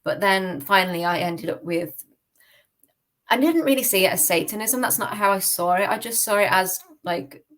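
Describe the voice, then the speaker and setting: This is a young British woman giving testimony as a guest on a podcast interview, frankly relating her own experiences. She speaks at a normal speed in a mid-range, somewhat bright voice, informal and thoughtful, with plenty of "like" and "you know".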